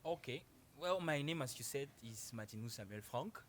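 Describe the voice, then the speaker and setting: A man's voice: medium pitch, animated, normal speed, fairly bright tone, slight background noise. A young man from Cameroon, a guest talking casually in an interview, polite, laughing often and restarting his sentences.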